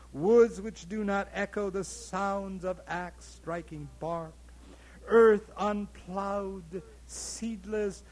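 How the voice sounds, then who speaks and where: A man reading a dramatic monologue as a lusty, grandiose colonial frontier landowner, in a slow, declaiming way that swells loudly on words. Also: sits high, exaggerated voice.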